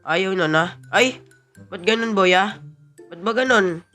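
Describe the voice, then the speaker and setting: A woman giving excited gameplay commentary, mixing Tagalog and English and shouting "yo" often. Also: medium pitch, measured pace, soft background music. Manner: excitable, mixes Tagalog and English, frequent "yo" exclamations. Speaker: gaming channel host.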